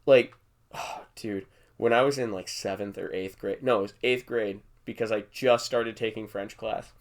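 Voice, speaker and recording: A man's voice: fairly low pitch, steady tone, normal speed. A young man hosting a casual podcast, rambling through jokey stories and laughing often. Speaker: podcast host. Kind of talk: casual chat.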